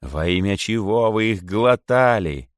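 A man voicing an old male python king who declaims slowly in bitter, theatrical outrage. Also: on the low side, lively intonation, dry recording, clean studio sound. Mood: bitter wailing. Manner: slow, drawn-out, wailing declamation.

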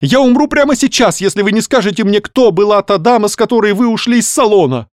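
A man's voice: lively intonation, fast, dry recording, studio quality. A man reading aloud, voicing a melodramatic foppish young man who shrieks and exclaims. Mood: hysterical. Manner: shrill, loud, exclaiming.

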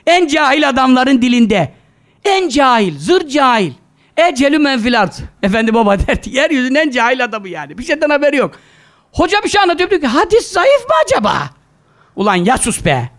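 A male preacher with a very high voice that leaps up and down, scolding his listeners and firing rhetorical questions at them. He works quoted Arabic scripture into his talk. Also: a bit bright. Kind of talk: sermon to a live gathering.

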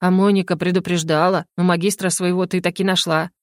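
A woman's voice: lowish voice, level tone, fairly quick, no echo, clean studio sound, natural voice. A woman doing a blunt chatty hedgehog. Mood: insistent.

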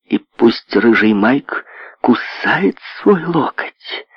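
A willful young heiress, demanding and emphatic, put on by a male reader in an audiobook. The voice leaps about with lively pitch. It sounds dry and dull, a lo-fi recording with no room. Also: drawn-out words, breathy edge, dry recording, full character voice. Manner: demanding, emphatic, swinging to soft. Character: willful rich young woman, heiress, imperious. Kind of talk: audiobook character voice.

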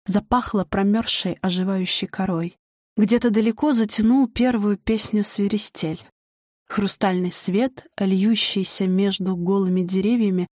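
A woman reading a dark folk fantasy as an audiobook narrator, measured and dramatic. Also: medium pitch, dry recording, studio quality. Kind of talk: scripted narration.

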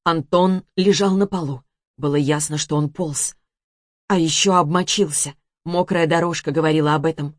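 A woman narrating an audiobook in a steady storytelling voice. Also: low voice, normal speed, no echo, clean studio sound.

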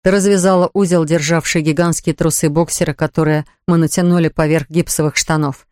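A man's voice: a little high, fairly quick, clean tone, no echo. Man reading a novel aloud, dry sound. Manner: even, plain reading with dialogue. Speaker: audiobook narrator. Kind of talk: scripted narration.

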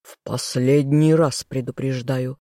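An audiobook reader voicing a weary, stern king who speaks calmly and condescendingly. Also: medium pitch, unhurried, dry recording, studio quality, close to an everyday voice. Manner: calm, condescending, firm. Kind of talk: audiobook role reading.

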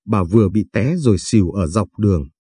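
A man's voice: on the low side, lively intonation, fairly quick, warm tone, husky, dry recording, clean studio sound. A man reading the lines of a curious young female nurse who keeps asking questions.

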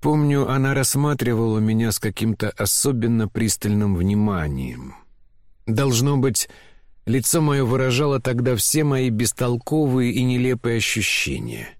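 A man reading a novel aloud in the first person, impassioned, swinging from fervent outbursts to a low confessional tone. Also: sing-song, moderate pace, darkish tone, no room sound, studio quality. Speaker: audiobook reader.

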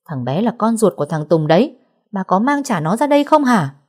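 A woman's voice: deep voice, animated, fairly quick, mellow. A woman voicing a stern older father in a story who barks and scolds. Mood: shouting. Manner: barking, scolding. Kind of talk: audiobook character reading.

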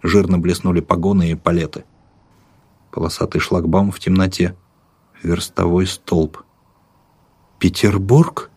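A man reads a dark tale aloud in a measured, vivid way, lingering on rhythmic lists. His voice sits low and carries a husky grain. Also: little pitch movement. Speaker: narrator. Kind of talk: dramatic audiobook narration.

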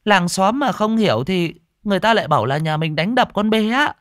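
A man voicing a fussy middle-aged village mother who pleads in a high voice. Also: lively intonation, a little fast, a bit bright, no room sound, clean studio sound. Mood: pleading.

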